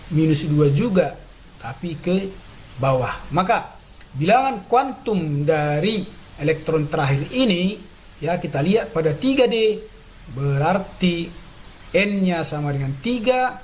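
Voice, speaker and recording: A man's voice: a little high, animated, slow pace, pauses often, slight background noise, low-quality recording. A man teaching a chemistry lesson step by step, patient and repetitive, often checking in with "ya" and "nah". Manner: patient, repeats steps, frequent "ya" and "nah" checks. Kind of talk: classroom lesson explaining on a board.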